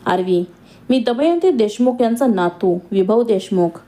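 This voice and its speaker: A woman's voice: a little high, lively intonation, unhurried, dark tone. A woman reading as a puzzled young man. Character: young man, grandson back from abroad, surprised.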